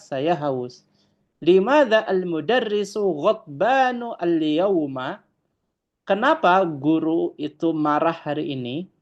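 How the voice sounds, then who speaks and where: Slow, patient online language teacher. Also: medium pitch, dull audio. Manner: draws out Arabic words slowly, then explains them; addresses the students as friends, explanatory. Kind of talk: online grammar lesson.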